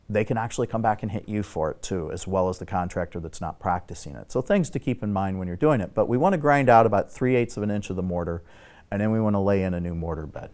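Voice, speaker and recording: A middle-aged man with a fairly low voice walks through building repair, point by point, in a steady, technical tone. He talks as a guest on a studio talk show set. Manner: steady, technical, instructive explaining. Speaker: exterior building expert guest. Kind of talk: explanatory talk show conversation.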